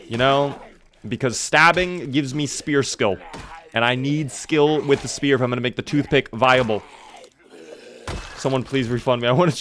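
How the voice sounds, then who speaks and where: A man's voice: mid-range voice, a bit bright. A man doing casual live commentary while playing a survival video game, chatting to viewers in a wry, mock-dramatic way.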